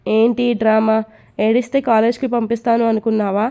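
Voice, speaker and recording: A woman's voice: on the high side, level tone, a little fast, vocal fry, dark tone. A woman voicing a harsh, domineering young husband who talks in curt commands, in a storybook reading. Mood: stern.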